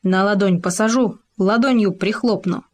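A woman's voice: mid-range voice, moderate pace, lightly acted. A woman voicing a big, bossy male bear who roars threats in a fairy tale. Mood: threatening.

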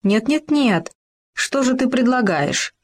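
A woman's voice: fairly high pitch, expressive, takes it slowly, voice pushed up. A woman voicing a sly, scheming female fox in a storybook reading, talking in a sugary, wheedling way. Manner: sugary, wheedling, then fretful.

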